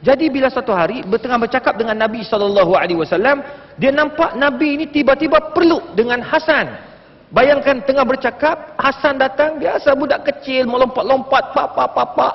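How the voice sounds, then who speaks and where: A man's voice: very high voice, fairly quick. A man in his late thirties speaking as a panelist on a religious forum, telling stories with animation and addressing the audience. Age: late 30s. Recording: dull, echoey hall broadcast sound.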